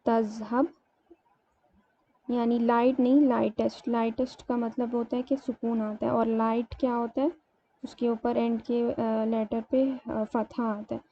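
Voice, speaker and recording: Lady teacher walking through grammar steps, kinda flat tone, muffled lo-fi audio with a bit of hiss. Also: on the high side. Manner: explains step by step, slows to spell out words. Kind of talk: grammar lesson. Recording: dull lo-fi sound, faint room noise.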